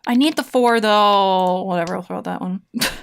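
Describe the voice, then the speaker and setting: A woman streams a game and talks with her chat in a relaxed, conversational style. Her voice sits at a middle pitch for a woman. She rambles and thinks aloud, with plenty of casual slang. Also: moderate pace, creaky, smooth. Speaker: livestreamer, VTuber playing online mahjong. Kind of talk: casual livestream chat while gaming, replying to chat.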